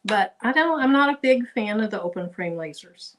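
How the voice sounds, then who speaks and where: A woman's voice: medium pitch, animated, moderate pace, slight background noise. A woman talking casually over a video call while she works on a craft project, thinking aloud as she goes. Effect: heard over a video call. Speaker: guest crafter. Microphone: computer microphone on a video call.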